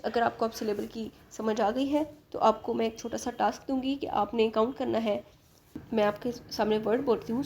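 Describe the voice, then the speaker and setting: Explaining an English lesson in Hindi with English terms mixed in, this woman spells out letters and sounds and patiently asks and answers her own questions. Her voice sits on the high side with a darkish tone, and a little hiss or hum is audible.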